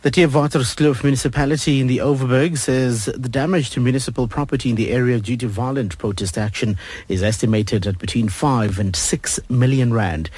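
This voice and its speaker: A man's voice: mid-range voice, brisk, a little mellow, slightly rough, no room sound. A man reading a scripted radio news bulletin.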